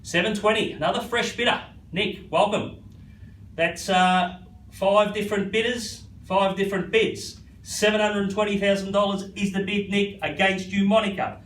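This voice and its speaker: High-voiced Australian male auctioneer, echoey. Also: steady tone, normal speed, fairly bright tone. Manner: repetitive, addresses bidders by first name. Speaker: real estate auctioneer. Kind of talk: live auction patter. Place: live property auction. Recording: echoey, slightly distant, faint background noise.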